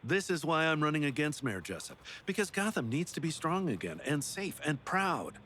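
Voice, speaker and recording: An actor playing a proud, ambitious politician giving an oratorical, emphatic campaign speech in a cartoon. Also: male voice, a little high, sing-song, normal speed, bright, forceful tone, a little hiss or hum. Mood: rousing.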